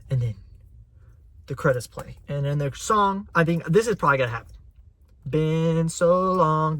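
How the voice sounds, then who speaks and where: A young man hosting his own channel, chatting casually and excitedly as a fan with a rambling flow. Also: mid-range voice. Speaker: channel host. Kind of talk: casual chat.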